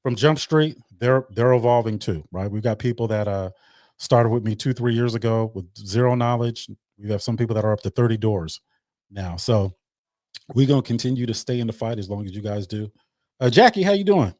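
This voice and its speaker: A man's voice: fairly low pitch, a little fast, darkish tone, no room sound, studio quality. A man hosting a casual livestream chat, loose and talkative, often repeating his words. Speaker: host.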